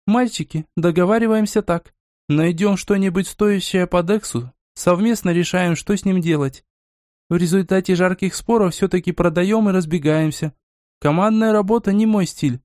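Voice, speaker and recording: A woman's voice: on the low side, moderate pace, mellow, dry recording, studio quality, pitched above the performer's own voice, lightly acted. A man voicing a brash, tough young woman hacker who talks bossy and blunt.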